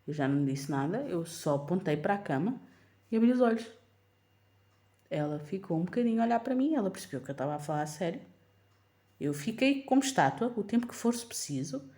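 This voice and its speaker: A woman's voice: lowish voice, animated, fairly quick, mellow. A young woman with a European Portuguese accent, a mother casually retelling a story to her vlog audience with emphasis. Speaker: mother of a toddler.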